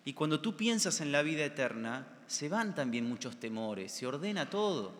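Deacon preaching in a reverberant church. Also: male voice, a little high, sing-song, moderate pace, a bit bright. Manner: earnest, conversational preaching with quoted prayers. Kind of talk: homily.

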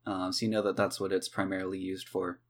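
A man narrating as game master in a relaxed, filler-heavy way. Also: low-pitched, fast talker, slight background noise.

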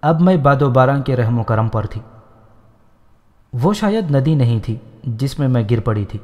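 A man's voice: medium pitch, lively intonation, warm tone, close to an everyday voice. A man reading the lines of an innocent, playful young woman in a storybook, in a simple, artless manner. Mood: recalling. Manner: simple, artless speech with quick wit. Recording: long hall reverb.

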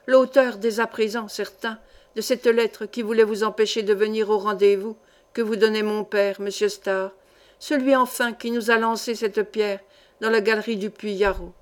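A woman's voice: medium pitch, fairly even intonation, moderate pace, lightly acted. A woman reading as an earnest young miner. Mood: emphatic. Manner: earnest, emphatic.

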